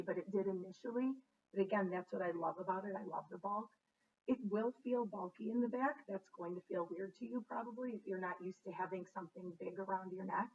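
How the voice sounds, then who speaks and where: A middle-aged woman who hosts a knitting podcast, chatting casually and rambling as she shows her things, often correcting herself mid-word. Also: medium pitch. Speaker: knitting podcast host and teacher. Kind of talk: casual show-and-tell chat. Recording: distant, dull sound with faint background noise.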